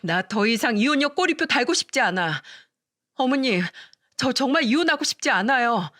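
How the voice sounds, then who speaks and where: A woman doing a shrill, entitled young wife. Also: sing-song, normal speed, a bit bright, no echo, clean studio sound. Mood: desperate.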